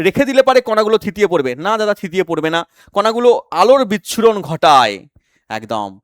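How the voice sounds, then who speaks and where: A man's voice: high voice, no room sound, clean studio sound. A man teaching an exam-prep science lesson, asking questions aloud and answering them himself while repeating key terms for his students.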